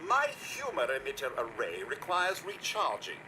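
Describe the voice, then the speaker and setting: Wadsworth the polite robot butler. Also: male voice, mid-range voice, very animated, normal speed, pushed and bright, slight background noise, poor audio. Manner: courteous, prim, fussy politeness. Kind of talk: video game voice acting.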